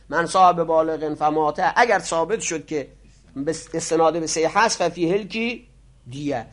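A man teaching a seminary class on religious law. He reads passages aloud, explains them, and answers his own rhetorical questions. His voice trails off quietly at the ends of phrases. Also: fairly high pitch.

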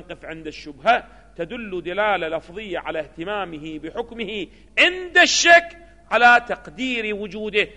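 A man lecturing a class in a high, bright, forceful voice. He keeps prompting his listeners with rhetorical questions as he explains. His voice carries a long reverb, as if in a large hall. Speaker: seminary lecturer.

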